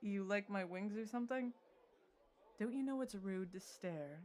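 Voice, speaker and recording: Over background music, a woman in a mid-range, darkish voice acts lightly and a little slowly as a winged Coatla adventurer in an audio roleplay. The character is a wry, teasing, unbothered tavern drinker, delivered in a dry, nonchalant way.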